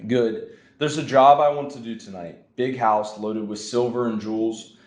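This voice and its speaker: A man's voice: medium pitch, normal speed, natural voice. A man voicing a menacing brutish male robber who threatens and snarls in a storybook reading. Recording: roomy echo.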